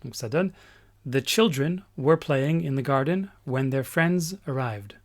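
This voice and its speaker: A man teaching English grammar in a recorded lesson, explaining step by step with pauses and fillers. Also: mid-range voice, lively intonation.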